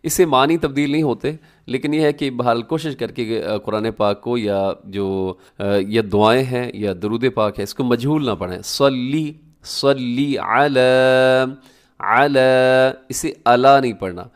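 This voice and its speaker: A man teaching how to recite prayers, explaining fast and then chanting the words slowly and drawn out. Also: mid-range voice. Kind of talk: religious lesson on prayer recitation.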